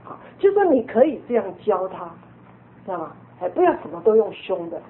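A woman's voice: mid-range voice, big pitch swings, a little fast. A woman teaching a group of parents how to speak to their children, firm and coaching in manner. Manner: firm, coaching, acts out scolding examples. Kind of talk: instructive talk to parents. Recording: tinny phone-like sound.

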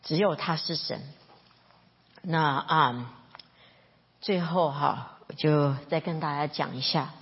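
Woman preaching, husky low-ish voice, earnest and emotional, dull lo-fi recording in a big echoey hall. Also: slow pace, pauses often. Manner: earnest, emotional, swings from soft to excited. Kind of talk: sermon. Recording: reverberant hall, dull lo-fi sound.

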